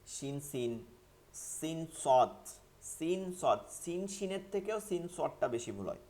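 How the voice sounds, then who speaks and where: A man with a slightly raised voice teaches Quran pronunciation in an online lesson, speaking. He talks patiently and drills each letter sound slowly, over and over. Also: fairly high pitch, a little mellow.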